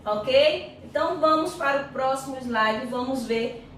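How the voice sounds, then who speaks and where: A Brazilian woman teacher giving a grammar lesson, who sounds out syllables slowly and often checks in with her students. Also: high voice, fairly bright tone. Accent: Brazilian Portuguese. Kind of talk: recorded online grammar lesson. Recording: echoey room, voice far from mic, faint noise.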